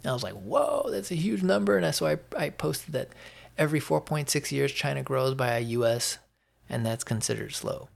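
An American podcast host airs his opinions solo in an expressive, mid-range voice rough with gravel and fry. Without a script, he halts often and drives his views home through repeated phrases.

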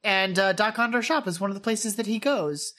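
A podcast co-host chats casually and enthusiastically. Her mid-range voice is brisk, bright and forceful.

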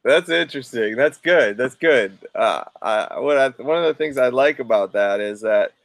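In a laid-back podcast conversation, a southern Minnesota man with an Upper Midwest Minnesota accent tells lively stories, imitating voices and laughing frequently. He speaks at a moderate pace in a gravelly, medium-pitched voice, with no echo.

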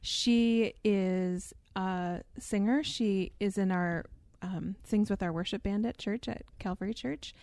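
A woman hosting a faith podcast, with a mid-pitched, mellow voice. She speaks in a friendly, conversational way. The recording is dry and close. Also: takes it slowly, few pauses, dry recording. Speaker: podcast host. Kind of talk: casual chat.

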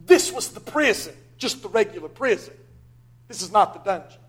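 A man preaching a sermon with dramatic delivery, rising to shouts and falling to near whispers. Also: high-pitched, lively intonation, normal speed, slightly rough. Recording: podcast sermon recording.

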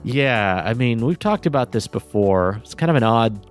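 A man co-hosting a casual podcast, chatty and quick to laugh, often trailing off into asides. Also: medium pitch, animated, faint music behind. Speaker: podcast co-host. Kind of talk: casual chat about game music.

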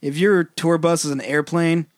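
A man in his late twenties making quick, blunt quips in a casual podcast chat. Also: a little high, steady tone, no room sound, studio quality. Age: 20s.

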